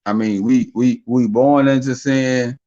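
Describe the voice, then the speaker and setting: A man's voice: mid-range voice, fairly even intonation, unhurried, warm tone. Young man debating loosely, dull lo-fi mic. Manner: loose, rambling, repeats words when thinking. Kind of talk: casual debate over mics.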